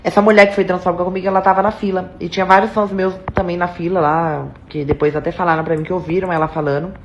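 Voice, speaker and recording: A woman influencer recounting an incident in an indignant, animated way. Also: on the low side, fast, lo-fi sound, slight background noise. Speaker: influencer telling her story.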